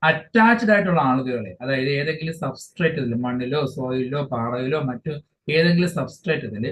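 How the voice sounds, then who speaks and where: A man teaching an exam-focused biology lesson, explaining each English term again in his own words and often pausing mid-phrase. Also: mid-range voice, expressive. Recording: dull lo-fi sound with faint hiss.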